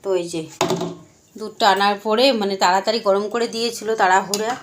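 Chatty slightly hoarse mother vlogging. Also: medium pitch, fairly even intonation, a little fast, noisy background. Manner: chatty, narrates what she is doing and repeats herself. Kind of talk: casual vlog narration to viewers.

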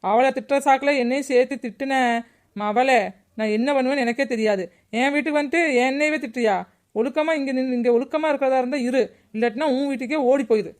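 A defensive daughter-in-law in a family cartoon, voiced by a woman. She speaks fast in a high voice and pleads her side insistently. She stands up for her daughter against the in-laws. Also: a little mellow, close to an everyday voice. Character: grown daughter-in-law, mother, defensive wife.

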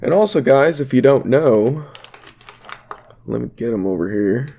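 A young YouTube vlogger with a cold-stuffed nose chats casually to viewers while opening trading card packs at his desk at home. His mid-range voice is gravelly and warm, animated but a little slow, and he rambles in a laid-back way full of fillers.

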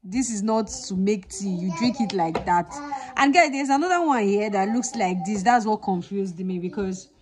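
A woman's voice: medium pitch, normal speed, few pauses. A young woman with a Nigerian English accent, chatting playfully to her vlog camera and slipping into pidgin phrases. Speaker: vlogger. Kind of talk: casual vlog chat to camera.

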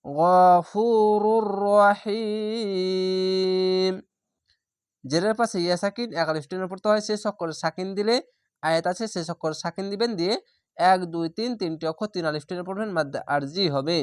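A man teaching Quran reading who spells out each letter and vowel mark before slowly reciting the whole word. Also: high voice, clean tone, dry recording, clean studio sound. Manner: draws out recited words slowly.

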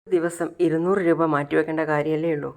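A woman doing a brisk elder-sister figure. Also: deep voice, little pitch movement, a little mellow. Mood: practical. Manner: brisk, practical. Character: older sister figure handling money.

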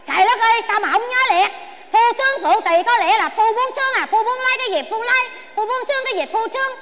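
A woman with a Southern Vietnamese accent playing a stubborn, sharp-tongued old wife who bickers with rapid comebacks in a comedy sketch. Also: very high voice. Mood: bickering. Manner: quarrelsome, exclaiming, rapid comebacks. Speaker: comic actress. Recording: noisy background ambience.

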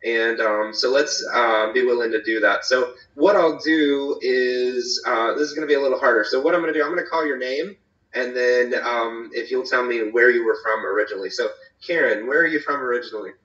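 A man's voice: medium pitch, a little fast, fairly bright tone. A man from North Carolina leading a church small group on a video call, casual and rambling, with many fillers and restarts. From eastern North Carolina. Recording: echoey, distant, dull video call audio.

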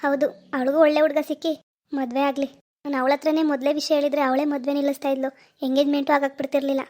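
A woman's voice: sits high, little pitch movement, quick pace, warm tone, natural voice. A woman voicing a worried, regretful young husband in a cartoon. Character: remorseful young husband Satish.

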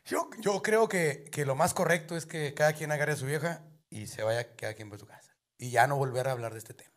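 A male comedian with a northern Mexican accent who tells crude jokes in a lively, profane way. His voice sits a bit high. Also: fairly quick. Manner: rowdy, profane, laughing. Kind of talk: telling off-color jokes on a show.

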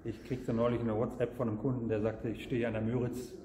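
A man's voice: mid-range voice, flat delivery, quick pace, crowd noise. A middle-aged man explaining a product in a camper showroom, earnest and hesitant, with frequent fillers. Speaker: product seller, guest. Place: camper showroom, large indoor hall. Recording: roomy hall with long reverb.

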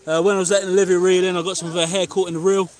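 A man's voice: sits high, flat delivery, racing. A man in his thirties with an English accent, chatting casually to viewers on a live stream while fishing from a beach. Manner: chatty, matter-of-fact, talks to viewers. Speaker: fishing channel host. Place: pebble beach outdoors.

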